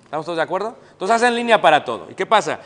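A man's voice: high-pitched, rapid-fire. A middle-aged man with a Mexican accent preaching a sermon, quizzing the congregation and acting out the people he quotes. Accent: Mexican Spanish. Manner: animated, asks the congregation questions and acts out quoted people. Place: church hall. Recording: long church hall reverb.

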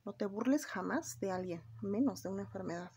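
A woman's voice: mid-range voice, animated, fairly quick, mellow, husky, no echo. A young woman with a Mexican Spanish accent, chatting casually and confidingly to her viewers while she does her makeup. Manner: chatty, confiding, often calls viewers "my girls". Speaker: beauty vlogger.

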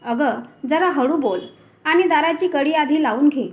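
A woman voicing an anxious, honest middle-class male office clerk, speaking in a worried, hushed, torn way. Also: high-pitched, unhurried, lo-fi sound.

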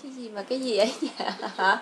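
A woman's voice: fairly high pitch, fast, fairly bright tone, slight background noise. A woman with a Vietnamese accent teaching English to a child over a video call, patient and coaxing, repeating words for the child. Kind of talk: online tutoring a child.

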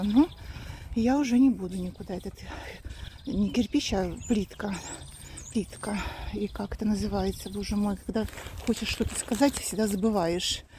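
A woman's voice: medium pitch, dark tone. A woman in her fifties talking earnestly straight to her viewers in a casual walking vlog, filmed on a phone held at arm's length outdoors. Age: 50s. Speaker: vlogger. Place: outdoors, street and cemetery. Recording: noisy outdoor phone recording.

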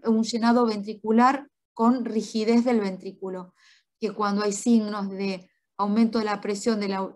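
Doctor lady teaching a class, bit high voiced, keeps asking "sí?". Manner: explanatory, checks in with tag questions. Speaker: medical lecturer. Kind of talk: spoken lecture.

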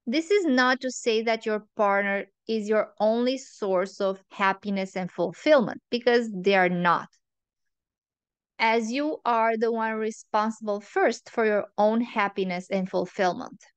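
Slow, smooth-voiced woman giving relationship advice. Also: a little high, no echo. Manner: earnest and opinionated, speaks in measured lists. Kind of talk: advice monologue to camera.

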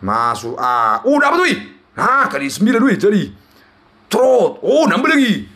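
A young man, giving loud, excited commentary on a slot game as he plays, swinging between yells and mutters. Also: high voice, a little slow. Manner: loud, shouting and exclaiming, jumpy swings between yelling and muttering.

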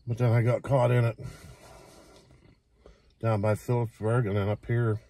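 A man in his sixties chatting casually to camera from inside a parked car, making short, unhurried remarks. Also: medium pitch, flat delivery, warm tone, no room sound. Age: 60s. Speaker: vlogger. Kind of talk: casual chat to camera while eating.

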